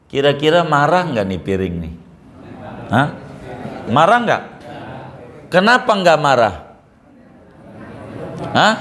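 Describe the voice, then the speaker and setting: A middle-aged Islamic preacher from Banten, Indonesia delivers a sermon to a congregation, firing off rhetorical questions and joking asides. His voice is a little high with a fairly bright tone.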